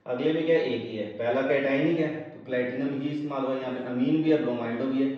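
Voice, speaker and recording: A man's voice: medium pitch, fast. Male chemistry teacher, lecturing style, poses questions to the class and answers them himself, recorded far off in an echoey room. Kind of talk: lecture to students. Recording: echoey room, distant mic, dull sound.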